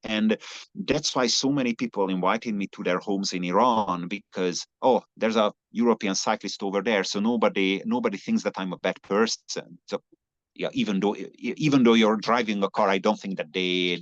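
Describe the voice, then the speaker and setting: A native Hungarian speaker, this man is a long-distance cyclist appearing as a guest in a conversational interview, speaking earnestly with many fillers and restarted sentences. His pitch is fairly low, his intonation fairly even and his pace moderate. There's no room sound, though the lo-fi recording is slightly dull.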